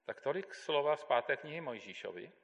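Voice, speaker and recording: A man giving a measured, deliberate Bible reading as a scripture reader in a church. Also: a little high, lively intonation, dull audio. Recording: long hall reverb.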